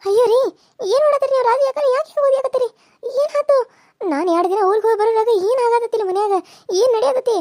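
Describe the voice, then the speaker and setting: A woman voicing an anxious young village woman in a cartoon serial, with a North Karnataka accent, pleading in rapid questions. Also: very high-pitched, dark tone. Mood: alarmed. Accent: North Karnataka Kannada.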